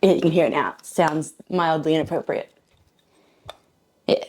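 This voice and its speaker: In her kitchen, a woman hosting a home cooking video plates a dessert while chatting playfully and cracking jokes. Her voice is low and a little mellow, at a moderate pace, in a casual demo style.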